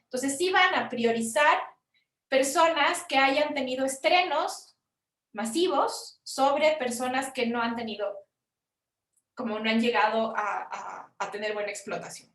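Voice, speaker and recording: A woman's voice: high voice, a bit bright. Chilean woman producer, roomy and distant. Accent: Chilean Spanish. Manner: frank, conversational, quick asides. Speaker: film producer leading a funding workshop. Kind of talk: explaining in a workshop.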